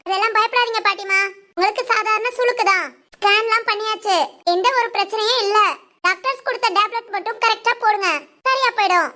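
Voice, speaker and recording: A patient young cartoon nurse, voiced by a woman, explaining things politely to her patients. The voice is very high and bright, and she stays calm and reassuring. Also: fairly quick. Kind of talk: Tamil family cartoon voice acting.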